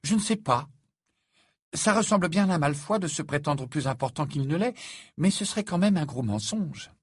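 A man voicing a bossy, earnest teenage schoolgirl in an audiobook, raising his voice high and strict. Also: normal speed, no echo, clean studio sound. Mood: strict, anxious. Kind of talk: audiobook character voice.

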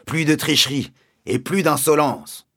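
A man voicing a stern, cruel middle-aged schoolmaster in an audiobook reading, giving sharp commands. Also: on the high side, measured pace, vocal fry, husky, no echo, clean studio sound, pitched above the performer's own voice, heavily acted. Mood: commanding.

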